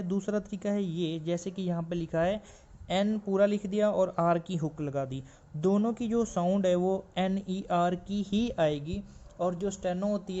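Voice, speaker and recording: A male shorthand teacher giving a classroom explanation, asking and answering his own questions and repeating each rule slowly. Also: high voice, mellow, highs cut off.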